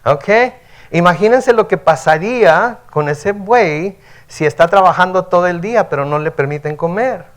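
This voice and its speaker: A man's voice: high voice, moderate pace. A male pastor giving a midweek sermon, reading scripture aloud and explaining it in a conversational way, often checking in with the congregation. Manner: conversational, frequent "¿verdad?" tags, reads scripture aloud and explains. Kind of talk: midweek sermon, Bible teaching.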